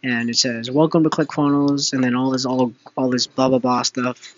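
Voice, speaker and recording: A man's voice: medium pitch, level tone, normal speed, lo-fi sound. A young man hosting a casual solo podcast, rambling with many fillers and restarts. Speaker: podcast host.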